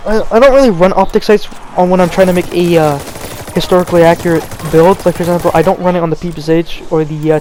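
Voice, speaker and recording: This young man hosts a gaming channel and launches into a rambling, off-the-cuff rant about gameplay, stammering and starting over while he's cold. His voice is a little high and a little mellow. There's a bit of hiss or hum in the background.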